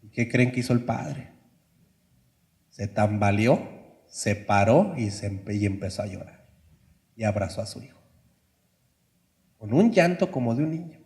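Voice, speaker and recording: A male pastor telling a story in a sermon, dramatic, swinging between loud and soft. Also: on the low side, animated, measured pace, long pauses.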